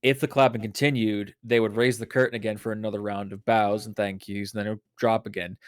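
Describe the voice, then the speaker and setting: A man's voice: lowish voice, level tone, fast, clean tone, dry recording, studio quality. A man, the game master, chatting with players and telling a bit of trivia in a casual, storytelling way. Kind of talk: casual chat among players.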